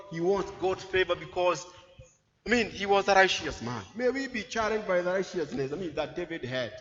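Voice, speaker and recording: High, bright-voiced preacher. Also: male voice, in a large hall, highs cut off. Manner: emphatic, repeats phrases, swings loud and soft. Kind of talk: sermon. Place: church.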